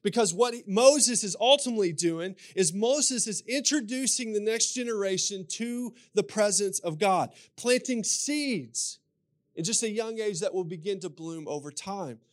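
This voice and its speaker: A man's voice: high voice, lively intonation, normal speed. A man with a Kentucky accent preaching as a pastor, telling scripture stories and repeating phrases for emphasis. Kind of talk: sermon with scripture storytelling.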